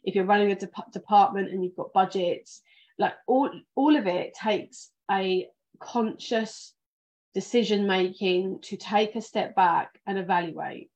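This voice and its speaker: A woman's voice: mid-range voice, a little slow, darkish tone, poor audio. A woman with a southern English accent hosting a podcast, chatting loosely with many ums and restarts, a little sleepy. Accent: British, southern English. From England. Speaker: podcast host, financial planner. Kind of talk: casual livestream chat.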